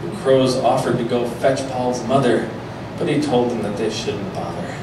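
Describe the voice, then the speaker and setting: Talking at normal speed in a medium-pitched voice, a man on a venue stage reads a mock children's rhyme as part of a comic storytelling act and addresses the audience. The recording is very echoey and noisy, taken from a distant mic.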